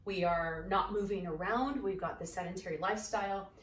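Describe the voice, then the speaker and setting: A woman's voice: medium pitch, brisk, slight background noise. Breathless woman teaching while bouncing. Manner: energetic, coaxing, repeats instructions. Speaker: yoga instructor. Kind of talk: guided exercise lesson. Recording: roomy, distant camera mic, faint ambience.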